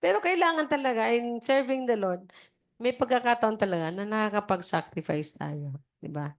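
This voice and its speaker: A woman's voice: a little high, expressive, normal speed. Woman preacher on a video call, chatty sermon style, plays the people she quotes and keeps asking her listeners to agree. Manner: conversational, acts out quoted voices, asks "di ba?". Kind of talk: casual sermon.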